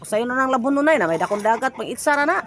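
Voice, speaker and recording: A woman with a Cebuano accent vlogs while climbing a hillside outdoors near a village, breathless, chatty and laughing often as she walks. Her fairly high voice is expressive, quick and a bit bright, with a little hiss or hum in the recording.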